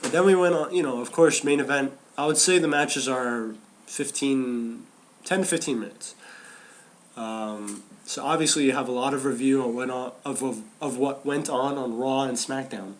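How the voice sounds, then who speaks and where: A man with a medium-pitched voice co-hosts a podcast, speaking at a moderate pace about wrestling. His talk is casual and animated, with frequent restarts and repeated phrases.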